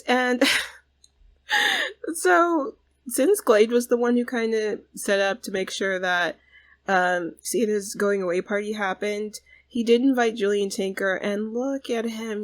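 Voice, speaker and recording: A woman's voice: on the high side, fairly even intonation, unhurried. A woman hosting a gaming channel, giving bubbly, chatty let's play commentary and saying "like" a lot.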